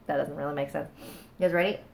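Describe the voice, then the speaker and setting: A woman livestreaming scary-story readings talks fast in a low, creaky, darkish voice with fairly even intonation, over slight background noise. Her nose is a little stuffy, and recording on a phone on a small stand, she chats, laughs, thanks viewers and trails off.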